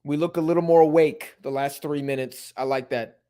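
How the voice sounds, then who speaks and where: A man's voice: fairly high pitch, brisk, clear, resonant tone. Laid-back young man hosting a watch-along. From Mexico-supporting fan. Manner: laid-back, chatty, bursts of excitement at plays. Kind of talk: casual live commentary and chat reading.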